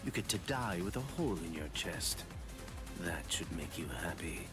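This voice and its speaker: A man's voice: low voice, expressive, moderate pace. Gin, a sly, taunting swordsman. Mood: cold. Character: sly scheming male swordsman, turncoat captain. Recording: game audio with loud music. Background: loud music.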